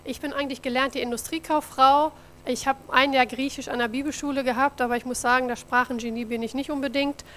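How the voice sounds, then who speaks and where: A woman's voice: sits high, fairly even intonation, fast, a bit bright, a little hiss or hum. A woman from Germany, a mission office coordinator, giving a friendly church presentation about her work and talking directly to the audience. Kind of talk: church mission report with slides.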